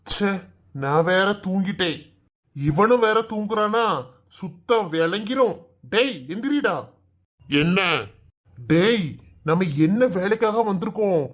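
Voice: mid-range voice, expressive, slow pace, long pauses. A performer voicing a lazy, threatening male kidnapper in a cartoon, with a Tirunelveli Tamil accent. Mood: grumbling. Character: bumbling male kidnapper thug. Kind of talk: cartoon voice acting.

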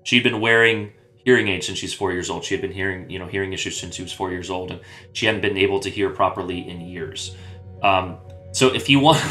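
A man's voice: lowish voice, a bit bright. A man talking casually as a gaming YouTuber, rambling and often restarting or correcting himself mid-sentence. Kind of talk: casual commentary.

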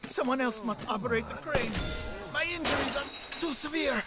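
High-pitched wounded gasping Spanish-accented worker. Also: male voice, normal speed, loud music behind the voice. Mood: pained, melodramatic. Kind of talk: video game cutscene acting.

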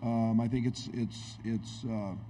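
A middle-aged man, a head basketball coach, answering questions at a postgame press conference in a halting, reflective way, speaking into a table microphone indoors. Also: fairly low pitch, level tone, warm tone, slight background noise. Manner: halting, reflective, many restarts. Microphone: table microphone on stand.

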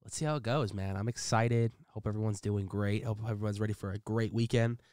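A man's voice: fairly low pitch, fairly even intonation, fairly quick, a little mellow, clean tone, no echo, clean studio sound. A man hosting a gaming livestream in casual, upbeat chat, heard through a headset microphone. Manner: upbeat, laid-back, tags phrases with "man".

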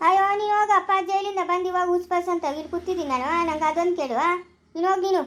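Woman doing a bickering village auntie in a family skit, super high voice, talks fast. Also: steady tone, fairly bright tone. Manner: scolding, bickering. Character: quarrelsome sharp-tongued village woman.

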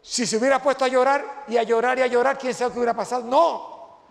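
A man's voice: very high-pitched, fairly even intonation, quick pace, creaky. A man preaching an impassioned sermon to graduates, repeating phrases for emphasis. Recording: long hall reverb.

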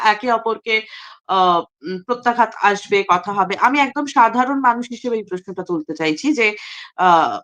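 Indignant Bengali woman with a higher voice. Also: a bit bright. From West Bengal, India. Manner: indignant, emphatic, with frequent hesitation fillers. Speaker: commentary show host. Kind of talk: opinion monologue to camera.

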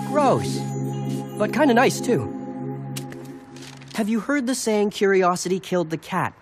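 A woman voicing an anxious, sarcastic teenage boy in a cartoon. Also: fairly high pitch. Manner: quick, nervous and sarcastic.

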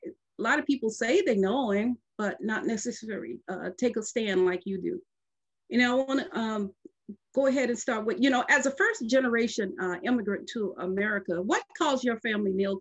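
A woman's voice: mid-range voice, normal speed, husky, highs cut off. A middle-aged woman hosting an interview over a video call, chatty and affirming toward her guest. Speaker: host.

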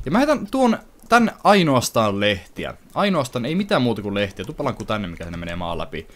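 Lively young man narrating his gameplay. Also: lowish voice. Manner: chatty, excitable outbursts, talks to viewers. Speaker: gaming channel host. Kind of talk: casual let's-play commentary.

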